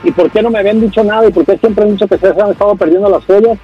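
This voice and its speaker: A man's voice: high voice, steady tone, racing, breathy edge, faint music behind. A man, arguing heatedly and firing accusations down a phone line. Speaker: caller.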